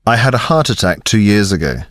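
Man modeling phrases clearly. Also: on the low side, very animated, moderate pace, dry recording, studio quality. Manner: clear, careful model pronunciation. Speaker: English phrase reader. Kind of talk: scripted phrase reading.

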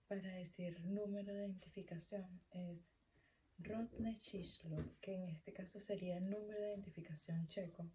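A woman giving a casual vocabulary lesson, slowly repeating each foreign word with care. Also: mid-range voice, mellow, a little hiss or hum, rough recording. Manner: slow, careful repetition of foreign words. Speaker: language learner sharing vocabulary.

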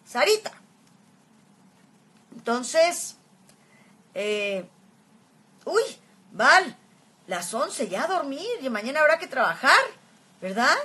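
A woman's voice: high voice, very animated, slow, long pauses, pushed and bright, husky. Chatty Mexican woman in her fifties, livestream. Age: 50s. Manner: chatty and affectionate, many filler words. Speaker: livestream host. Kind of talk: casual chat reading viewer comments.

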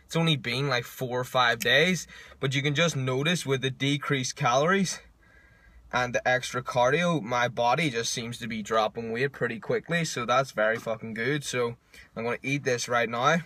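A young man talks through his day in a relaxed, casual vlog style, swearing freely. His pitch sits mid-range for a man. It is recorded on a simple camera mic. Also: moderate pace. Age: young adult. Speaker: fitness vlogger. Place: gym, parked car, home kitchen.

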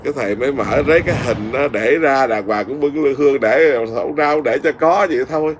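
In an easygoing chat, a middle-aged Buddhist monk tells a story in his Southern Vietnamese accent, his voice pitched ordinarily for a man. His delivery rambles, filled with pauses, fillers and restarts, with slight background noise present.

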